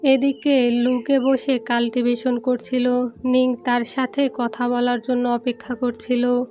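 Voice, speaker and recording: A woman narrating a film recap in a steady, even storytelling read, with soft music underneath. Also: fairly high pitch, measured pace. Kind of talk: scripted movie recap narration.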